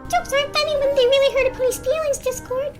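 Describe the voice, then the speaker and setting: A woman's voice: extremely high pitch, steady tone, quick pace, over music. A woman voicing an earnest young female party pony with hurt feelings in a cartoon comic reading.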